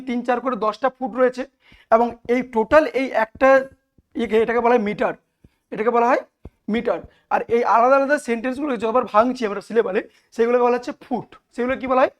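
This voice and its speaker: A woman with a fairly high voice and a Bengali accent teaches in plain lecture style. She goes through each point step by step, asks her own questions and then answers them. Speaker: English literature teacher. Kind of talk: classroom lecture.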